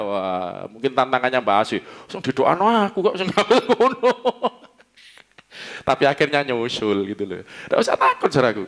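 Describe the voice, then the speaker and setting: A man's voice: on the high side, fairly bright tone. A middle-aged man with a Javanese accent preaching a casual, joking sermon in a church service, often laughing and asking the congregation questions. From East Java. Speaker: pastor. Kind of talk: conversational sermon.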